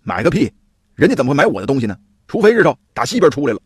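A man's voice: medium pitch, very animated, fast talker, slightly rough, no echo, studio quality. A man voicing a discouraged, exasperated street food seller in a told folk tale. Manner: weary, exasperated. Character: discouraged struggling roast-goose seller man.

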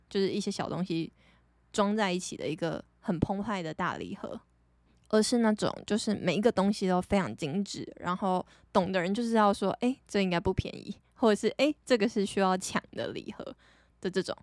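A young Taiwanese woman with a Taiwanese Mandarin accent hosts a podcast, telling stories casually in a chatty, animated monologue and laughing often. Her voice is medium-pitched, and the recording is dry.

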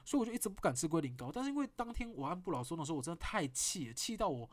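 Fast, animated Taiwanese-accented man. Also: fairly high pitch. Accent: Taiwanese Mandarin. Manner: animated storytelling with blunt swearing. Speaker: podcast host. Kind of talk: casual podcast monologue.

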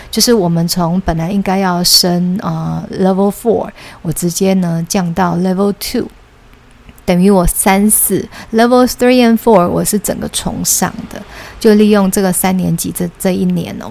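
A woman's voice: mid-range voice, gravelly, a little mellow. A woman in her thirties with a Taiwanese Mandarin accent hosts her own podcast as a children's English teacher, talking casually with many "uh" fillers and English words mixed in. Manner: chatty, frequent "呃" fillers, mixes in English words. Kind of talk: casual solo podcast talk.

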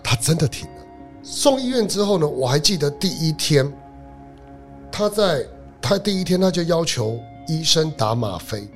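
A man, a lawyer guest telling a personal story in an interview, animated and swinging between loud and hushed. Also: a little high, normal speed, faint music behind.

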